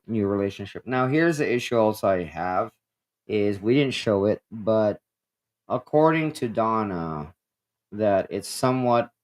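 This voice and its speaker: An older man, co-hosting a casual livestream chat, emphatic and blunt, often restarting and repeating his point. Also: on the low side. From Philippines. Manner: emphatic, repeats himself, blunt with mild swearing. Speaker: co-host.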